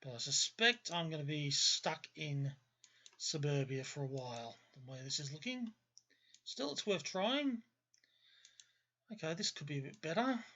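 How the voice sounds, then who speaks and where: With long pauses and an unhurried pace, the Australian gaming host from Melbourne thinks out loud, rambling casually and repeatedly correcting or qualifying himself. His slightly high voice is animated, pushed and bright, while the audio sounds dull.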